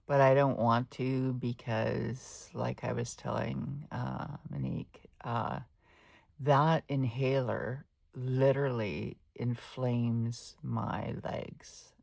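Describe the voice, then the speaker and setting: Older woman, vlog chat, breathless, gravelly, slow and halting. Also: a bass voice, steady tone, a little mellow, no room sound. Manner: halting, with many ums and restarts. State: short of breath. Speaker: planner vlogger.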